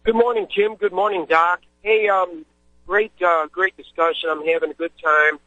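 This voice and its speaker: A man's voice: sits high, fairly even intonation, moderate pace, sharp tone, no echo. A man calling in to a radio show over a phone line, talking in a casual, rambling way with lots of fillers while on the move in a vehicle. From Missouri, US. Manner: rambling, friendly, many fillers. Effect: clipped phone line. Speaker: caller. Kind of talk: casual call-in chat. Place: in a moving vehicle. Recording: dull, dry phone audio.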